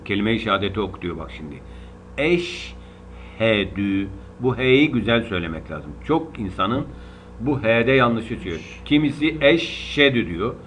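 A man's voice: fairly low pitch, expressive, moderate pace. A man with a Turkish accent teaching Quran reading, patiently drawing out syllables and drilling them again and again. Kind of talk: slow spelling-out lesson. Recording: dull lo-fi recording with faint hiss.

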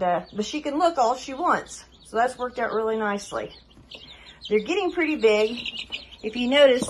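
A chatty, relaxed middle-aged woman showing her chicks indoors, in a casual vlog. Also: on the high side, slight background noise. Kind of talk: casual show-and-tell vlog. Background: chicks chirping.

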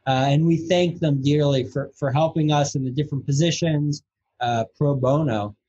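A man's voice: fairly high pitch, steady tone, normal speed, mellow, slightly rough. A man speaking as a filmmaker guest in a casual interview, earnest and often repeating words as he starts a phrase. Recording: muffled lo-fi call audio.

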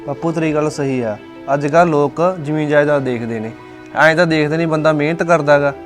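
A man's voice: fairly high pitch, fairly even intonation, brisk, soft background music, lightly acted. A young man playing an unmarried son who talks in an easygoing, agreeable way, with a rural Punjabi accent. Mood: resigned. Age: young adult. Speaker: son of marriage age.

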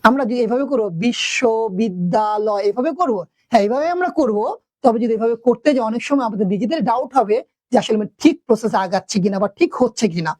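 A young woman teacher giving a video lesson, asking her students questions and drawing out words slowly to count their syllables. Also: a little high, animated, dark tone, dry recording.

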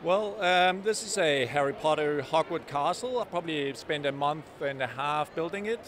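A man's voice: a little high, expressive, moderate pace, fairly bright tone. A man exhibiting at an expo, answering an interview in a hesitant, fumbling way. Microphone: handheld mic.

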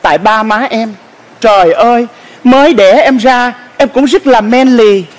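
A flamboyant grown son with a very high, fluttery voice. He whines in a fussy, theatrical way and lays the blame on everyone around him. The sketch is performed on stage. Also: a little slow. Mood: whiny. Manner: flamboyant, whining complaints.

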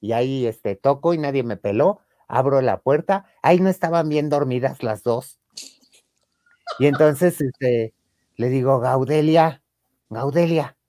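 A man with a Mexican accent telling a comic anecdote in a campy, theatrical way, acting out the women he quotes in a higher voice and laughing often. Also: unhurried, warm tone, no room sound. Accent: Mexican Spanish. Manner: laughs often mid-story. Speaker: storyteller on a chat show.

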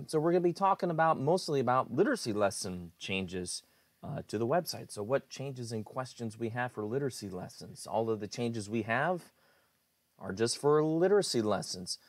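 A man's voice: mid-range voice, no echo. Man walking through a screencast, dry sound. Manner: plain explanatory, with fillers. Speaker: IT director presenting website updates. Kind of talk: screencast walkthrough.

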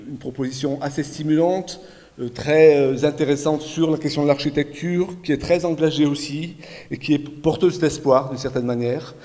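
Male host, mellow tone, stop-start delivery, long hall reverb. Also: fairly high pitch. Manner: halting, many fillers and restarts. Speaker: event host introducing a speaker. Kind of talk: formal introduction to a lecture. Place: large lecture hall.

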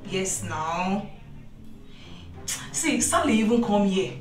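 A woman's voice: mid-range voice, expressive, slow. A woman with a Nigerian Pidgin-tinged English accent makes gossipy asides in a comedy skit. She is recorded from a distance in an echoey room. Faint music plays behind her.

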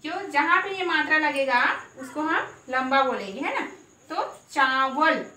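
Female teacher at a blackboard, high and bright, slow and repetitive, echoey room, distant mic. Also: expressive, slight background noise. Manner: slow, repeating words and asking questions. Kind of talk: online lesson at a blackboard.

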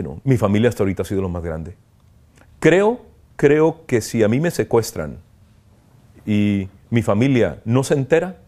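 A deep, low-pitched man speaks in a soft, mellow tone. He is a priest giving a heartfelt interview, talking earnestly with halting pauses and reflective asides. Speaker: priest, kidnapping survivor interviewee. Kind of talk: emotional interview testimony.

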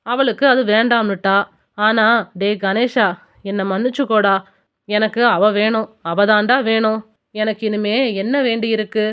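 A woman voicing a fierce, grieving elderly grandmother in an audiobook, speaking slowly and deliberately in a lowered voice. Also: steady tone, a bit bright, clear, resonant tone, natural voice. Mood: tearful, pleading. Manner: slow, low, deliberate speech. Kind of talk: audiobook character voice.

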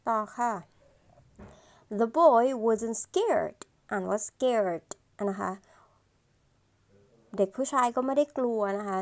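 A woman, reading an English storybook aloud line by line and patiently explaining each part as a teacher. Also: mid-range voice. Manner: slow, patient, ends phrases with polite particles.

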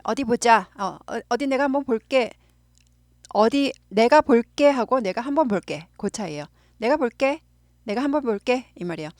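Middle-aged woman as English teacher, patient and repetitive, fairly high voice, dry close sound; explains grammar step by step. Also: lively intonation, a little mellow, no echo. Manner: patient, repeats phrases slowly for practice. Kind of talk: explaining English phrases in Korean.

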